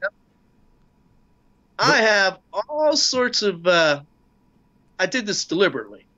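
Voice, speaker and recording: A man talking casually as a guest, halting often with fillers and restarts. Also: high voice, big pitch swings, sharp tone, lo-fi sound. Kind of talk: casual discussion.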